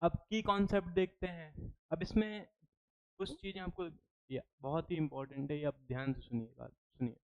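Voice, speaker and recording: A man's voice: fairly high pitch, fairly even intonation, moderate pace, darkish tone. A man with an Indian English accent giving an exam-prep phonetics lecture, switching between Hindi and English and repeating words to drill them. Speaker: English teacher. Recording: dull lo-fi recording.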